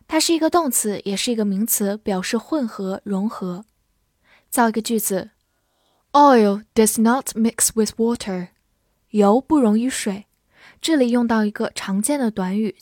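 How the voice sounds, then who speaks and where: Woman teacher, slightly high voice, unhurried delivery, dry close sound. Spells words aloud and models slow repeat-after-me sentences. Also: darkish tone, no echo. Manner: spells words letter by letter, reads example sentences slowly for repetition. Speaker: English teacher. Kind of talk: vocabulary lesson.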